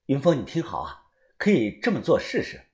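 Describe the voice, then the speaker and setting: Quiet, steady woman healer on a bad line, read by the narrator. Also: extremely low pitch, a little fast, full character voice. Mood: calm. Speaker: traveling doctor.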